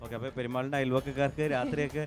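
Male tv interviewer, rattles off questions super fast, music clearly underneath. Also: mid-range voice, fairly even intonation. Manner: brisk, leading questions. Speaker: news channel interviewer. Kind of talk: broadcast interview.

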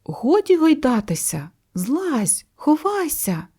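A woman's voice: medium pitch, big pitch swings, takes it slowly, darkish tone. A woman voicing a grumpy, stubborn male crow who scolds and exclaims indignantly. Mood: alarmed.

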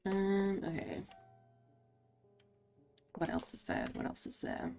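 A tired woman giving casual, halting commentary while playing a game, with many pauses and fillers. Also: mid-range voice, sing-song, gravelly, warm tone, soft background music. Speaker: gameplay commentator. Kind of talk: casual let's play commentary.

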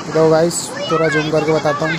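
A young man giving a casual travel vlog at a waterfall, talking excitedly and calling his viewers "guys". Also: on the high side, quick pace. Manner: excited tour-guide patter, repeats "guys". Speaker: vlogger. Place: outdoors at a waterfall viewpoint. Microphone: phone camera. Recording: phone video with outdoor noise.

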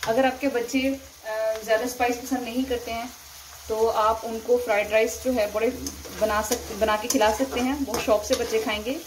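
A woman and mother giving a calm, step-by-step home cooking demonstration at her kitchen stove, talking to her viewers as she cooks. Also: on the high side, normal speed, slight background noise. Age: adult, mother of a young son. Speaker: cooking vlogger. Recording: frying sizzle behind the voice. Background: frying and stirring in a wok.

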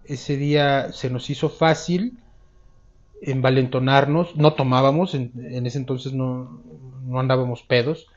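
A man in his thirties with a Mexican accent, recounting a memory in an interview with a lapel mic, in a drawn-out storytelling way. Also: mid-range voice, steady tone, lo-fi sound. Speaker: eyewitness interviewee. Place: dark room, seated.

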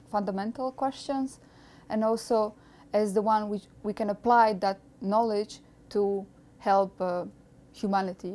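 Croatian woman in her thirties, researcher explaining her work, mid-pitched, hesitant but thoughtful, small office with light background ambience. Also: a little mellow, slight background noise. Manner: thoughtful, measured, with frequent hesitations. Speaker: postdoctoral researcher. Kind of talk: documentary interview. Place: small lab office, indoors. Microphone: lapel mic.

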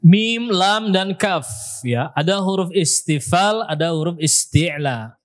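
A man's voice: high-pitched, animated, slow. A male Quran teacher giving a tajweed lesson, patiently repeating syllables to show the correct pronunciation and often ending phrases with "ya". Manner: ends phrases with a questioning "ya". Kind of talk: tajweed lesson with spoken demonstrations.

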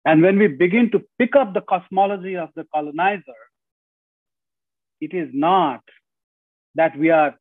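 Lecturing earnestly over a video call from inside his home, a middle-aged Indian-accented guest speaker talks through earbuds. He has a high-pitched voice at a normal speed, with long pauses, a habit of saying "you know," and frequent restarted phrases. The tinny call audio is dry and has no echo.

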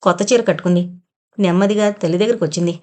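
A woman's voice: on the low side, steady tone, quick pace, darkish tone. A woman steadily narrating a novel as an audiobook reader.

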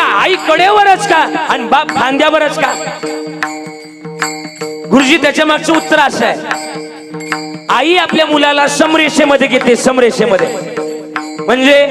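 Very high-voiced impassioned preacher man. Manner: impassioned, fires rhetorical questions at the audience, breaks into song. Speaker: kirtan preacher. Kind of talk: devotional sermon with singing. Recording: live music under the voice. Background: tabla and instrumental accompaniment.

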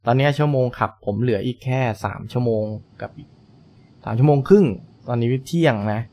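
A man's voice: medium pitch, a little fast, mellow. A young man casually commenting on a truck driving game, chatty and polite, thinking aloud as he plays, with game engine noise behind him. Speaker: gaming channel host.

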